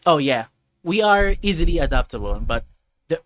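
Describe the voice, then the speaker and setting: This livestream host from the Philippines talks casually with viewers, wandering off, self-correcting often and returning to his point. His voice is a little high and a bit bright, with a sing-song quality at a moderate pace.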